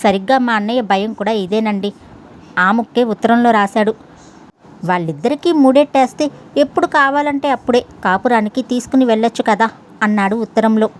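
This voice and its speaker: A woman's voice: a little high, fairly quick, a little hiss or hum, close to an everyday voice. A woman voicing an irritable middle-aged housewife who presses her husband insistently. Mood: irritated. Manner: insistent, nagging.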